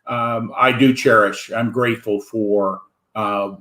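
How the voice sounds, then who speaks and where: Talking slowly from his Wisconsin home, this American host of an online interview show has a fairly low, slightly bright voice with fairly even intonation. His speech wanders with lots of fillers, and the recording has a roomy quality.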